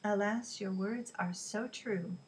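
A woman reading aloud who voices a soft-spoken, ingratiating man with false courtesy. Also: a little high, normal speed, close to an everyday voice, poor audio.

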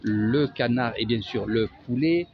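Speaking in an unhurried mid-range voice, this Marseille-accented man chats his way through an outdoor market for a travel vlog with a sing-song lilt. Behind him the background is noisy, and the lo-fi audio is dull, with music.

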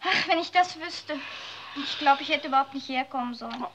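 A woman's voice: high voice, brisk, lightly acted. An actress playing a young woman in a 1950s film, proud and defensive in love. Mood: dreamy. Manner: defensive, then wistful. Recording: old film soundtrack with clear hiss.

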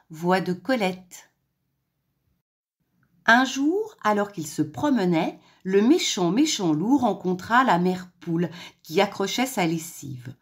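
Expressive woman reading a children's story. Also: mid-range voice.

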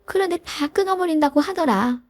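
A woman's voice: high-pitched, normal speed, no echo, pitched above the performer's own voice, lightly acted. A woman voicing a pushy, self-pitying older mother-in-law in a storybook drama, wheedling and guilt-tripping. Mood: pleading, pushy.

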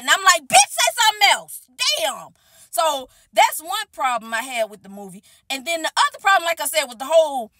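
Woman vlogger, high voice, dry close sound; unscripted, exasperated review rant full of slang. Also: no room sound. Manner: animated, exasperated, heavy slang, talks straight to viewers.

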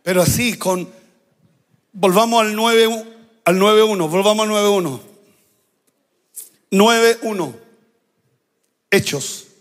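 High-voiced preacher in an echoing hall. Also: male voice, slow, pauses often. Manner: lively preaching with shouted emphasis and sound effects. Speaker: pastor. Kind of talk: sermon.

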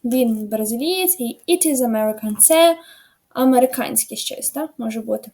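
A woman's voice: on the high side, moderate pace, vocal fry, warm tone. A woman teaching a beginner English lesson online, explaining step by step in a patient way with frequent filler sounds. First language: Ukrainian.

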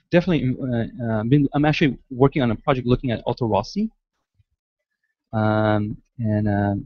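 A man's voice: medium pitch, a little mellow, dry recording. Hesitant man answering questions, dull lo-fi sound. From Malaysia, raised in the United States. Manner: hesitant, many restarts and fillers. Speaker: guest architect lecturer. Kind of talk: answering audience questions at a lecture. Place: large lecture hall.

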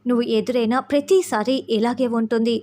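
A woman's voice: on the high side, fairly even intonation, a little fast, mellow, close to an everyday voice. A woman voicing an angry young man who scolds his former love with harsh, accusing questions.

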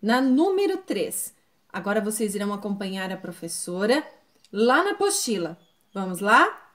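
A Brazilian woman teacher introducing the day's lesson to her students in a clear, guiding way. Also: medium pitch, big pitch swings, normal speed.

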